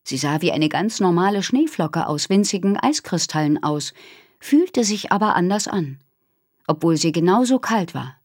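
A woman narrating a children's novel in an expressive storytelling manner. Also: fairly low pitch, moderate pace, no echo, studio quality. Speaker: audiobook narrator. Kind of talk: scripted narration.

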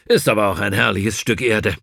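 A stiff, easily irritated senior army officer, as a male audiobook reader plays him. His speech is brisk and clipped, with a gravelly edge. The sound is close and dry. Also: lowish voice, fairly bright tone, no echo. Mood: gruff.

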